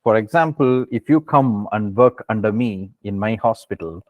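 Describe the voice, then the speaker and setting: A man's voice: on the low side, normal speed, no room sound, phone-quality sound. A man with an Indian accent giving informal, reassuring advice as lecturer in an online question session, often repeating short phrases. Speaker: webinar lecturer, surgeon.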